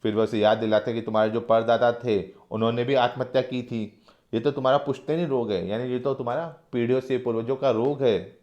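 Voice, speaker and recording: A man's voice: medium pitch, fairly even intonation, fairly quick, darkish tone, highs cut off. A male teacher explaining a one-act play line by line, restating each line in simpler words.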